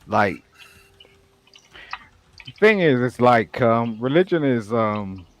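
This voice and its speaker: A man arguing in a casual online debate, halting with many fillers and restarts. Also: mid-range voice, big pitch swings, slight background noise. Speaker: debate panelist.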